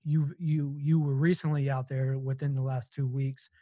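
A man's voice: mid-range voice, little pitch movement, moderate pace, mellow, no room sound. A man hosting a casual sports talk, asking long, rambling questions.

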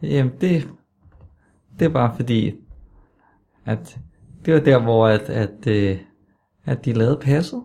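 A man's voice: medium pitch, gravelly, long pauses, dark tone. A man playing a creepy, odd man with a knife who stammers and repeats himself. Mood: evasive.

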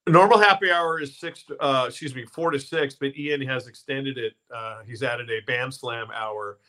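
Man, podcast host, casual chat, chatty, filler words, self-correcting, mid-pitched voice. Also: moderate pace, sharp tone. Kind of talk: casual live-stream chat.

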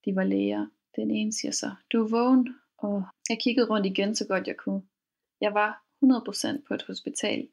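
A woman podcast host retelling a first-person account in a calm, measured way. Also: medium pitch, creaky. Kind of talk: storytelling podcast reading.

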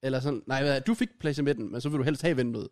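A man's voice: mid-range voice, darkish tone. A man co-hosting a casual podcast, telling a shared travel story in a loose, hesitant way with fillers. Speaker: podcast co-host. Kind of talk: casual chat.

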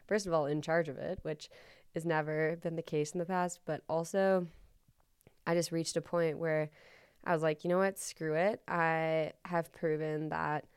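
A young woman, a ski racer hosting her own podcast, talks through her thoughts in a casual, rambling way with many likes and ums, and she is a little sick and hoarse. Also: low voice, flat delivery, measured pace, no room sound, studio quality. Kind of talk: casual reflective monologue.

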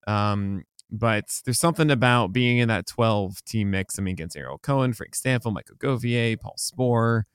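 A man co-hosting a podcast in casual chat, slightly hoarse, rambling and correcting himself as he goes. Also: on the low side, moderate pace, few pauses, dry recording, clean studio sound. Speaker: podcast co-host.

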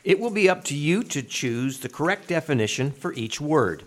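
A man hosting a scripted quiz, speaking deliberately and setting out words clearly. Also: on the high side, expressive, fairly bright tone. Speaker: quiz show host.

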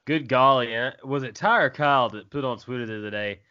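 A man's voice: mid-range voice, fairly quick, sharp tone, clean tone. A man hosting a casual sports talk show, putting questions to his co-talker in a conversational way. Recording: muffled, band-limited audio.

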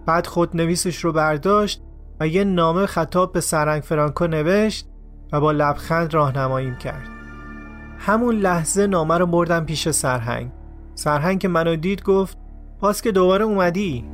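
A man narrates a podcast story in the first person, steady and reflective. His voice sits a little on the high side for a man. Faint music plays underneath.

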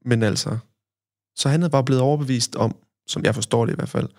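A man's voice: medium pitch, fairly even intonation, darkish tone, no room sound, clean studio sound. A man from Denmark, a podcast guest, telling a long story in casual chat, rambling with many fillers and tag questions.

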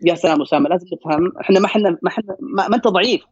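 A Saudi man speaks in a quick, husky rush, piling up repeated words to drive home his advice. His voice sits a bit high for a man. The recording is dry and slightly dull. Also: a little mellow, dry recording. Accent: Saudi Gulf Arabic. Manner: fast, emphatic, repeats words for stress. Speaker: podcast guest. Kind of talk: casual storytelling and advice.

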